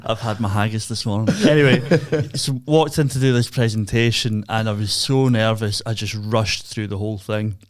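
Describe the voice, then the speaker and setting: A man with a broad Scottish accent co-hosting a podcast, his voice on the low side. He tells an anecdote in a loose, self-deprecating way. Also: fairly even intonation, normal speed, hardly any pauses. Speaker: podcast co-host. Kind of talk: casual storytelling.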